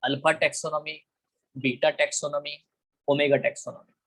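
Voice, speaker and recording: An Indian man teaches an online biology class, switching between Hindi and English in a coaxing way, calling students "beta" and often asking if they're clear. His slightly raised voice stays level at a moderate pace, with a fairly bright tone on a low-quality recording.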